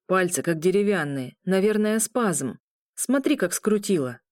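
A woman's voice: fairly low pitch, expressive, measured pace, a little mellow, dry recording, studio quality. A woman voicing an injured, cocky young man who groans and complains of pain.

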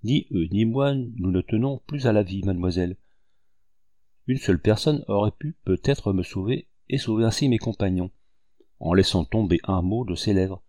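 A man's voice: fairly low pitch, moderate pace, mellow, no echo, lightly acted. A man voicing a proud rebel commander who speaks with grave bitterness, in an audiobook. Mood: bitter.

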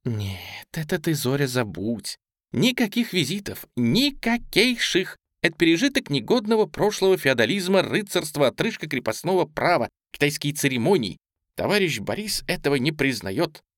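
A man's voice: fairly high pitch, very animated, moderate pace, fairly bright tone, no room sound, studio quality, voice pushed up. A man reading a story, voicing a flighty, theatrical young woman who gushes and preaches. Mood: gushing. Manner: gushing, theatrical, declaiming.

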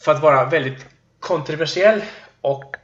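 A man co-hosting a casual podcast chat, joking and rambling with quick asides. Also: fairly high pitch, a bit bright. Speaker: podcast co-host. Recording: roomy, dull lo-fi sound.

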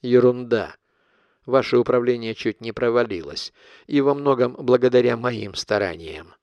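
A man's voice: mid-range voice, moderate pace, no echo, dull audio, natural voice. A man reading an audiobook voices a cold, calculating middle-aged blackmailer who dictates his terms in a cool, clipped manner.

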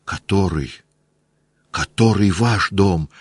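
Male reader as a flustered helper, quick and breathless, deep dry voice. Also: slightly rough, no echo, full character voice. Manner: hurried, breathless. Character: flustered man eager to help.

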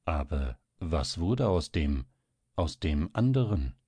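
Ein Mann spricht einen scheuen, lauernden Gehilfen in einem Hörbuch, mit tiefer, gedämpfter Stimme und bedächtig langsam. Die Aufnahme klingt trocken und nah. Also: male voice, extremely low pitch, slightly rough, no echo, full character voice. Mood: hushed. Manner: timid, hushed, slow. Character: shy, sly older male assistant.

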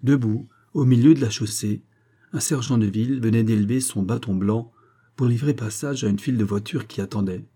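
A man reading a novel aloud in a steady, measured manner, as scripted narration. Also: mid-range voice, slightly rough. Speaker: audiobook reader.

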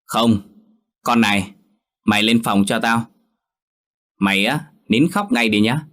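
Một người đàn ông giả giọng cô vợ trẻ kiêu căng, nói chua ngoa, khinh khỉnh. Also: male voice, medium pitch, measured pace, natural voice. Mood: scornful. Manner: sharp, scornful. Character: haughty young woman, arrogant singer-wife.

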